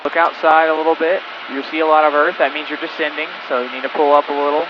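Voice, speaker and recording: A male flight instructor on a cockpit headset intercom, calmly talking a student pilot through each step in flight. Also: fairly high pitch, quick pace, dull audio, background noise. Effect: heard over a cockpit headset intercom. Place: small plane cockpit in flight.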